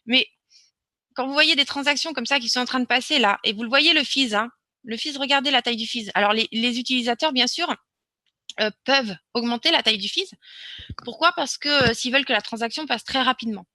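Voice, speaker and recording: A woman's voice: sits high, a little fast, bright, forceful tone, no echo. A woman presenting a live webinar, talking casually and hesitantly with many fillers and restarts as she answers questions and shares her screen.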